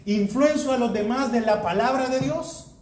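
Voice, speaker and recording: A man's voice: extremely high pitch, normal speed, darkish tone, roomy sound. A man pastor preaching a sermon, reading verses aloud and asking the congregation rhetorical questions.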